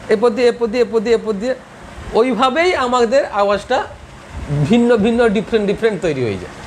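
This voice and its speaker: A man's voice: very high voice, a little hiss or hum, rough recording. Man teacher quizzing a class. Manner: quizzing students, joking and laughing. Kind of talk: classroom lecture.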